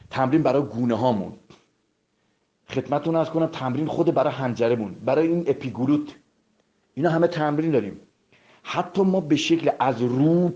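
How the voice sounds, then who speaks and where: A man's voice: mid-range voice, a little mellow. A man giving a spoken vocal lesson, addressing listeners politely and demonstrating sounds by repeating them. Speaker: voice coach. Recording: dull lo-fi recording.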